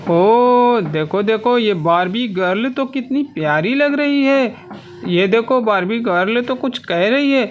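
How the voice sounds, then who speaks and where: A man narrating a toy play story for children in an animated, coaxing way, with lots of exclamations. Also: very high-pitched, a little slow, muffled recording.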